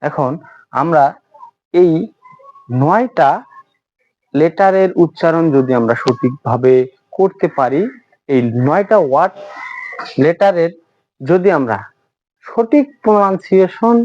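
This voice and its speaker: A man whose first language is Bengali, teaching English letter sounds in a slow lesson, spelling them out one by one. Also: fairly high pitch, lively intonation. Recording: dull lo-fi audio.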